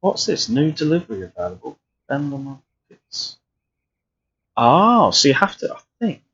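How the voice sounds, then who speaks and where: A man talks his way through a flight sim stream, rambling with many restarts. His voice is husky and mid-pitched, and the audio sounds a bit dull and lo-fi. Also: very animated, moderate pace, a bit bright. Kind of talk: live flight sim commentary.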